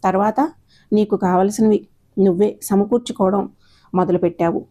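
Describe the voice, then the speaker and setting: A stern older mother lays down the rules to her daughter in a low, even storybook voice, reproachful and lecturing, as a woman reads her part. The tone stays mellow and unhurried throughout. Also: natural voice. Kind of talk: storybook narration, acted dialogue.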